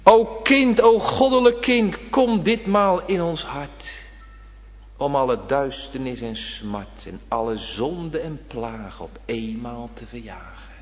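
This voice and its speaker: A man preaching a sermon with great passion, dropping to a hush and then rising to a shout. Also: mid-range voice, slow. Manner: impassioned preaching, swinging between hushed and shouted. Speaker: pastor. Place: church. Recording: church hall reverb.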